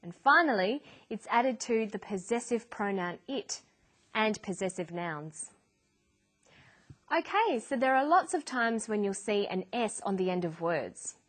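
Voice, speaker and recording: A woman presents an English lesson at an unhurried, measured pace. Her pitch sits in a middle range, and she delivers each point clearly and deliberately, as in a scripted educational narration. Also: expressive, a bit bright. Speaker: English teacher.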